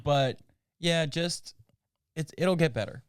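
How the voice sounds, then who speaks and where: A man in his twenties co-hosting a podcast, chatting casually with many fillers and gently reassuring listeners. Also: on the high side, takes it slowly, clean tone, no echo, studio quality. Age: 20s. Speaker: podcast co-host. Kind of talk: casual chat.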